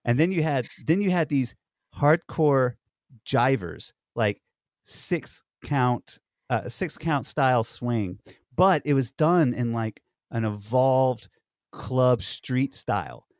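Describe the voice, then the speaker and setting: A man's voice: mid-range voice, expressive, slow pace, a little mellow, no room sound, clean studio sound. A man co-hosting a podcast, telling stories in rambling casual chat full of fillers and restarts. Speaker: podcast co-host. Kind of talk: casual conversation.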